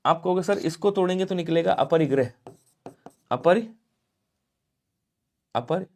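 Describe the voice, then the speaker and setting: A man with a fairly high voice teaches an exam-prep Hindi lesson. He chants example sentences and answers for his students in an animated way, checking in with quick tag questions as he goes. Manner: talks to viewers directly with tag questions.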